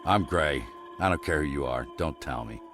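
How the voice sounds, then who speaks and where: An actor playing a brusque, unfriendly male technician in a video game, giving curt, gruff commands. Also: extremely low pitch, lively intonation, moderate pace, music in the background. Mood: cold, dismissive.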